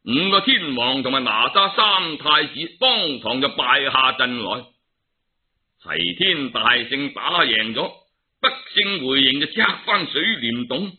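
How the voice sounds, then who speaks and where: Cantonese guy doing dramatic old-school storytelling, super animated pitch, theatrical, thin tinny phone-line sound. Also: a little slow. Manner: dramatic, theatrical, colloquial, with exclamations.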